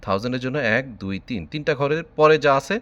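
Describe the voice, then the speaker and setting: A man's voice: mid-range voice, expressive, quick pace, fairly bright tone, lo-fi sound. A man from Bangladesh teaching a math lesson online, patiently spelling out number words letter by letter.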